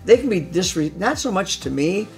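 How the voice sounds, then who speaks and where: Man, slightly high pitch, creaky fry, explanatory interview talk, emphatic repetition, faint guitar music behind. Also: sing-song, moderate pace, darkish tone. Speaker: stage hypnotist and trainer.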